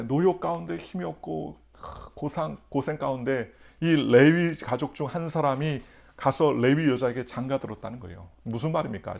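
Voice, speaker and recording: A male pastor delivers a dawn sermon in a church, his voice gravelly with fry at a middle pitch. He moves between storytelling and emphatic rhetorical questions to the congregation.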